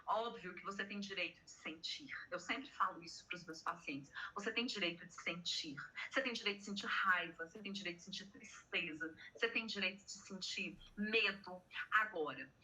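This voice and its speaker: A woman's voice: fairly low pitch, normal speed, pushed and bright, poor audio. A Brazilian woman, a psychologist, chatting as a guest and explaining with personal stories. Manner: explanatory, tells personal anecdotes. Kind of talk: casual conversation.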